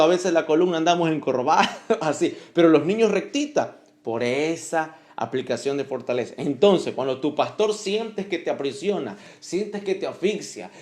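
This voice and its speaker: A man with a voice on the high side preaches a sermon full of animated exclamations. He acts out little scenes and repeats phrases for emphasis.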